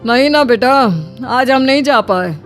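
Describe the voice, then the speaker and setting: A woman's voice: sits high, lively intonation, measured pace, soft background music. Woman playing a weary older mother-in-law.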